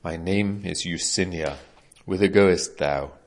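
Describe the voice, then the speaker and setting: A man's voice: low-pitched, unhurried. A man voicing a huge, modest giant who speaks in archaic, formal words.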